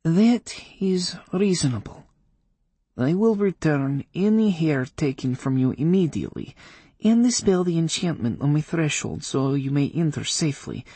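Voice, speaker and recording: A man's voice: fairly high pitch, animated, normal speed, mellow, husky, dry recording, pitched above the performer's own voice. A man voicing a haughty, coldly formal woman witch, speaking in a stiff, clipped way. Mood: curt. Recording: dry close studio sound.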